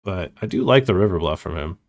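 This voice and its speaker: A man's voice: low voice, lively intonation, quick pace. A man streaming online poker, thinking aloud in casual, self-mocking commentary and swearing freely.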